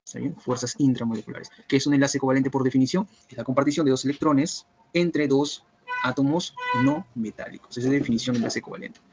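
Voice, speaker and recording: A man teaching a biochemistry review class online, who keeps checking whether students follow by asking if everything is clear. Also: mid-range voice, fast, background noise. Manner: repetitive, checks understanding with "¿está bien?" and "¿cierto?".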